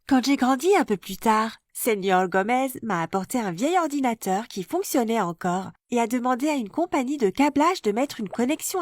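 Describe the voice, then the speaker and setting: A woman calmly narrating a first-person life story in a scripted, even storytelling voice. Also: on the high side, no room sound, clean studio sound.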